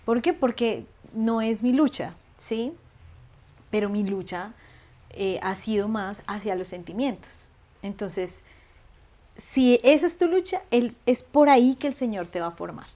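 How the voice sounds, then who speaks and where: A woman, chatting as an interview guest in an animated way, laughing often. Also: on the high side, measured pace. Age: 30s. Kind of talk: casual conversational interview.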